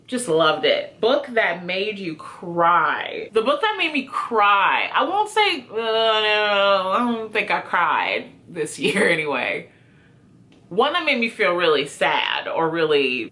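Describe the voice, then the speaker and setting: Answering prompts in a casual chat to camera, a book reviewer video host talks to viewers in a chatty, informal, self-deprecating way. Her mid-range voice sounds bright and forceful.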